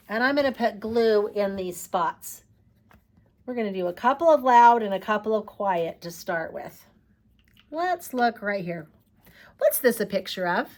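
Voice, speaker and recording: A woman teaching preschoolers, talking slowly in a coaxing, sing-song way as she asks questions and praises answers. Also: mid-range voice, a bit bright. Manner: slow, sing-song, coaxing talk to small children. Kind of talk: children's lesson.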